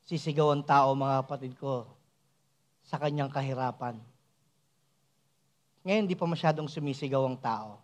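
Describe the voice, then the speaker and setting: A man, a church elder, preaching a sermon with frequent rhetorical asides, moving between soft asides and raised, emphatic passages. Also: medium pitch, measured pace, pauses often.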